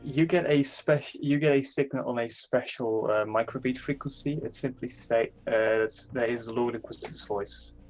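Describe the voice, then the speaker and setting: A man with a mid-pitched voice acts as game master. He explains the scene and corrects himself as he goes. Faint music plays behind. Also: fairly even intonation, normal speed, few pauses, low-quality recording. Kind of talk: explanatory tabletop game narration.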